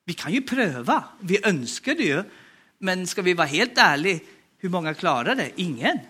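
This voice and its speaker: Man, Norwegian accent, very high voice, emphatic preacher, sermon. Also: sharp tone. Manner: emphatic, urges the congregation to respond.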